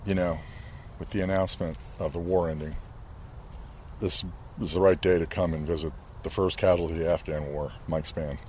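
A man telling stories in a relaxed, animated way while walking outdoors, pausing to read inscriptions aloud. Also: low voice. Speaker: interviewee, news colleague. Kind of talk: conversational storytelling on a walk. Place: outdoors at a cemetery. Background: faint traffic and planes overhead.

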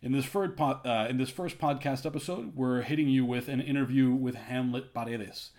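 A man hosting a podcast and interviewing a guest, relaxed and slightly stumbling. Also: medium pitch, moderate pace. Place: cigar bar. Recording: busy bar crowd behind. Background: crowd chatter.

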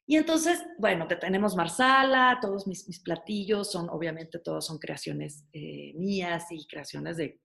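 Chatty woman chef, lowish voice. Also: measured pace, gravelly, hardly any pauses, fairly bright tone. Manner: chatty, storytelling, frequent fillers and restarts. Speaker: chef and restaurant owner. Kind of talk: casual interview conversation.

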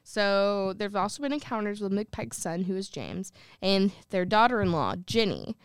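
A woman's voice: mid-range voice, sing-song, normal speed, clean tone, dry recording. A young woman co-hosting a podcast, reading a ghost story in casual chat with jokey, slangy asides. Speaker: podcast co-host.

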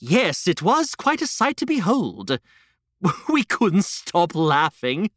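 An excitable storybook hedgehog, chatty and eager to jump in, played by a man. The voice leaps all over the scale and takes its time. It sits dry and close to the mic. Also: sits high, slow pace, no room sound, exaggerated voice. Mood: playful.

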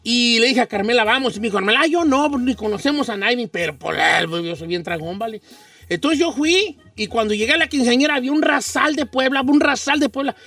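Mexican male radio host, very high bright voice, slangy and rambling, slightly distant mic, faint music behind. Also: fast, no echo. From Michoacán, Mexico. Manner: slangy, rambling, animated storyteller. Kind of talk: casual storytelling chat.

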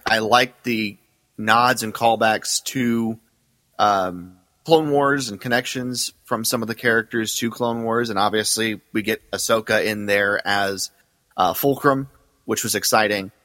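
A man's voice: lowish voice, pushed and bright, dry recording, in a large hall, poor audio. A man co-hosting a casual podcast, enthusiastic but hesitant, with many fillers.

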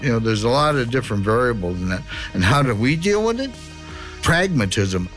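A man recounts his experiences in a blunt, colloquial way. His voice is of average pitch, he acts out quotes, and faint music runs underneath. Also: sing-song, fairly quick, a bit bright. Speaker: interviewee, former mission team leader. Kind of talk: conversational storytelling, acting out quotes.

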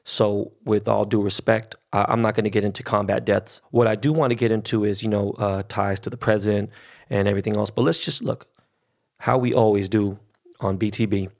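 A man, hosting a casual podcast interview in a profane, excitable way. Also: lowish voice, fairly quick, creaky. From Los Angeles. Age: 40s. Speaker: podcast host.

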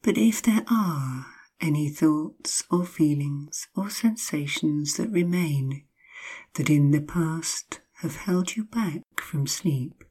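A woman with a low, breathy voice narrates sleep hypnosis in the manner of a sleep story. Her delivery is extremely slow, with long pauses and drawn-out repeated phrases. She stays hushed and soothing, often sinking into a whisper.

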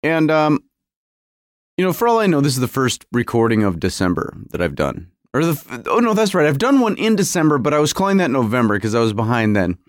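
Recording alone in his home garage and feeling cold, a podcast host rambles in a wry, casual way, often interrupting himself. His medium-pitched voice is very animated and a little fast, captured in clean studio sound without echo.

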